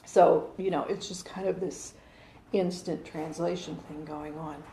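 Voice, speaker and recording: Speaking unhurriedly in a lowish, warm voice with fairly even intonation, a woman in her forties describes her channeling to a few people in a living room. She rambles chattily, with many fillers and restarts. The phone camera sits across the room, leaving a roomy sound and faint hum.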